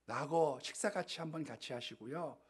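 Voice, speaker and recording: A man doing a whiny, clingy frog. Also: husky. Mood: coaxing. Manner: high, whiny, drawn-out pleading. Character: pleading ugly male frog, clingy.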